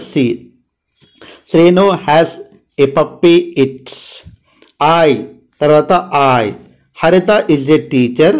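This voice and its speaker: A man with a Telugu accent and a fairly high voice runs an exam-prep grammar lesson. He explains in Telugu and reads the English examples slowly and deliberately. He repeats the key points again and again to stress them. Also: darkish tone. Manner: repeats words for stress, switches between Telugu and slow English. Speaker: English teacher.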